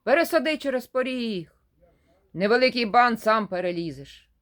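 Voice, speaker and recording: A greedy little bearded old man from a storybook folk tale barks his demands at the door, as a woman reading the tale puts him on. His voice leaps up and down in lively swings. He sounds loud and bossy. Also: lowish voice, a little slow, exaggerated voice. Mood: demanding.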